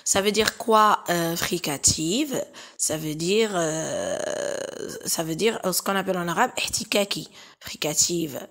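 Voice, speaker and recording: A woman teacher talks through exam exercises at an unhurried, deliberate pace. Her voice sits somewhat low, and she pauses often with fillers and restarts. She repeats each example phrase patiently, one at a time. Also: fairly bright tone. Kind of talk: explaining exam exercises in a recorded lesson.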